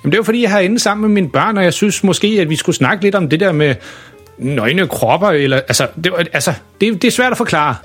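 A man's voice: sits high, lively intonation, a bit bright, husky, soft background music, voice pushed up, exaggerated voice. An embarrassing, awkward dad fumbling through hesitant excuses, put on by a male storyteller. His voice is raised well above the storyteller's own. It is a children's audio story. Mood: sheepish. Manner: hesitant, stammering, sheepish.

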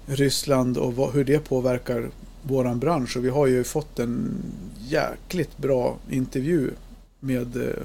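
A man's voice: medium pitch, creaky, mellow, a little hiss or hum. A man in his fifties hosting a podcast, chatting casually, joking and swearing easily. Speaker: podcast host.

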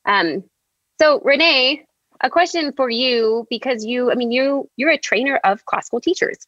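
A woman's voice: high-pitched, normal speed, a bit bright, dry recording, lo-fi sound. A woman hosting a podcast, introducing the conversation in a casual, conversational style. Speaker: podcast host.

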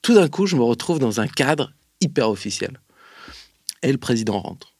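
A man telling a lively anecdote in an interview, with lots of hesitations, speaking straight to his listener. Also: medium pitch, normal speed, breathy edge, no room sound, clean studio sound. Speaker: interview guest. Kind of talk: casual storytelling.

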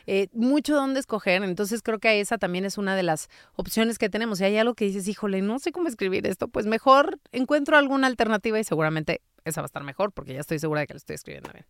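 A woman explains grammar in relaxed conversation, patient and teacherly. Her voice is smooth and clear, recorded dry and close with no room around it. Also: mid-range voice, fast talker, few pauses, dry recording. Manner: patient, teacherly, gives everyday examples. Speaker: spelling and grammar expert guest. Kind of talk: casual explanatory chat.

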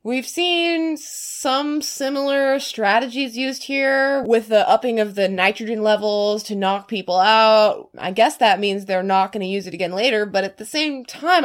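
A woman co-hosting a podcast in casual discussion, enthusiastic and speaking in quick excited bursts. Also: on the high side. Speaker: podcast co-host.

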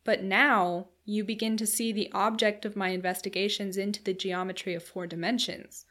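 A woman voicing a calm, earnest Victorian male inventor explaining his ideas. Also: medium pitch, normal speed, lightly acted. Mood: reasoning.

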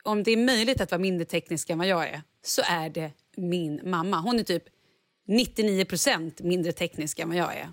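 A woman's voice: lowish voice, dry recording, studio quality. A woman telling a self-mocking story in a casual chat, acting out what people said. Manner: animated, self-mocking, acts out quotes.

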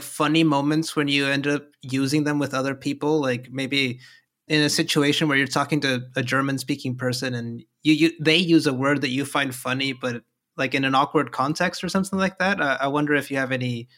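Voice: medium pitch, a little fast, fairly bright tone. An interviewer asking long, rambling questions packed with fillers like "you know" and "like.". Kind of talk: casual interview chat.

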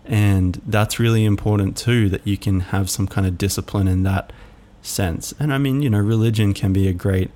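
A man hosting a reflective solo podcast, musing aloud in a halting way with many fillers. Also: fairly low pitch, mellow. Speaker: podcast host.

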